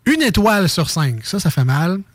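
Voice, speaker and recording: Chatty high-voiced Québécois radio host. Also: male voice, sing-song, moderate pace, dry recording. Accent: Quebec French. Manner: chatty, laughs often, many restarts. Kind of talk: casual radio banter, reading reviews aloud.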